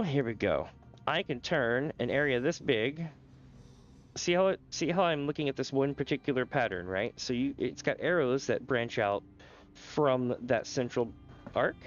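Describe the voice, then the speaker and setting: A man streaming live chats through a game for his audience, relaxed and explanatory with plenty of chuckles, though his throat is sore and his voice nasal. His pitch is medium, and the audio sounds dull.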